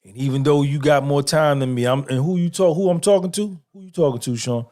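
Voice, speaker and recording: On his podcast, a middle-aged host gives a swaggering, emphatic motivational speech full of cursing and repeated lines. His voice leans high and mellow, and he speaks briskly.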